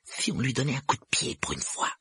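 Man doing a schoolboy, a bit higher, blunt, husky, storybook. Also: normal speed, fairly bright tone, dry recording, studio quality, full character voice. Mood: impatient. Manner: blunt, impatient. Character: impatient red-blooded schoolboy sidekick.

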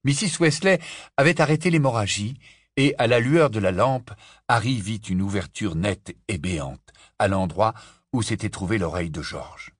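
A man narrating an audiobook in a low, hushed storytelling manner. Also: expressive, moderate pace, dry recording, studio quality. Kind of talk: scripted narration.

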